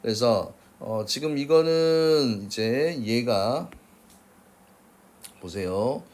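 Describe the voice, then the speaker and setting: A man's voice: medium pitch, animated, very slow, darkish tone. A man teaching science, working through workbook problems in a casual lecture and often checking with "그치?". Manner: casual, checks in with frequent "그치?" tags; refers to himself as 쌤.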